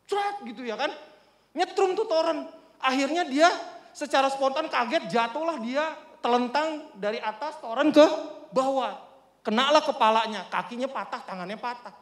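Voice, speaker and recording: A man preaching, telling a lively, humorous story to his congregation. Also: extremely high pitch, normal speed. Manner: animated, humorous, addresses congregation often. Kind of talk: storytelling sermon. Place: church hall. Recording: echoey church hall.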